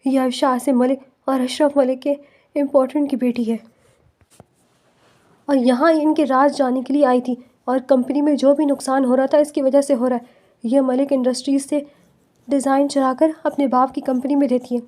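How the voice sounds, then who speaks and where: A woman's voice: high-pitched, level tone, darkish tone, natural voice. A woman reading the lines of a scheming young man who confesses in tears in an audiobook novel. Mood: tearful. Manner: pleading, tearful confession.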